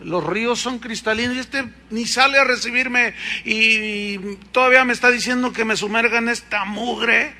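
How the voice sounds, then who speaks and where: A proud, touchy foreign general, put on by a male preacher. His voice sits high and rings with a sharp, forceful brightness. He talks indignantly and insistently, like a man who expects to be obeyed. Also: a little slow, heavily acted. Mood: disgusted. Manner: indignant, then coaxing and insistent.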